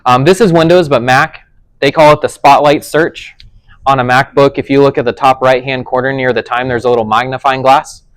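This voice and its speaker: A man explains tech concepts in a relaxed class, speaking conversationally and frequently checking "does that make sense" with his listeners. His mid-range voice is steady and fairly quick, and the rough recording has no echo.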